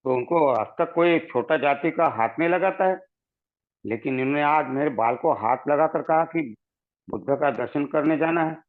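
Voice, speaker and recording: Man on a crackly phone line. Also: medium pitch. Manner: halting, with many restarts and pauses. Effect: crackly, cutting-out phone line. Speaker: Buddhist teacher. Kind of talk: storytelling religious talk. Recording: tinny phone call.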